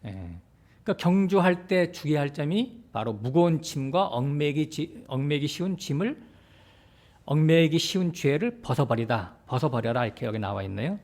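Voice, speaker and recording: Pastor guy preaching, asks the crowd questions, voice drops low at the end of lines. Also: animated, normal speed, darkish tone. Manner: explains with rhetorical questions to the congregation. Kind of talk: sermon.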